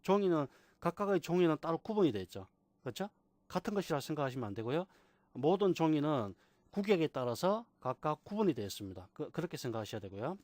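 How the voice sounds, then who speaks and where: A man's voice: on the high side, big pitch swings, a little mellow, no room sound. Patient man teaching, dry close mic. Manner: patient, repeats key terms slowly, asks rhetorical questions. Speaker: computer instructor. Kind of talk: screen-recorded software tutorial.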